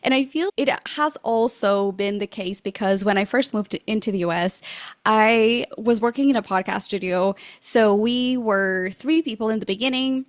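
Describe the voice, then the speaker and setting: A woman's voice: medium pitch, moderate pace, dry recording. A woman from Portugal, a podcast guest, speaking in a bubbly, extroverted way and acting out quotes. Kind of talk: casual interview chat.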